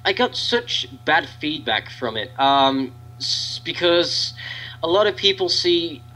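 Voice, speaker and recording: A man's voice: fairly high pitch, sing-song, slow pace, bright, forceful tone, poor audio. A man being interviewed in casual chat, stammering with frequent restarts and fillers. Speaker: interview guest, fan video maker.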